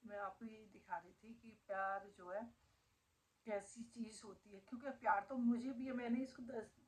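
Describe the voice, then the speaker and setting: A woman's voice: fairly high pitch, steady tone, moderate pace, low-quality recording. A middle-aged woman vlogging casually at home, emotional and doting as she talks about her pet dog. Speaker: family vlogger. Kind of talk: casual home vlog talking to viewers. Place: at home indoors.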